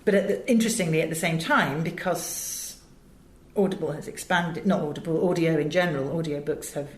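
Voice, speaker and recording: Fairly quick and low, the voice belongs to a middle-aged Englishwoman with a British accent, a guest who directs and produces audiobooks. She answers questions casually, storytelling with emphasis and dropping frequent asides, in a recording with roomy echo and slight background noise.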